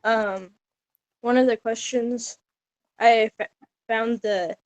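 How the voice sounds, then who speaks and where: Young female student, friendly and explanatory, somewhat high voice. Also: fairly even intonation, slow, low-quality recording. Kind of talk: casual group discussion.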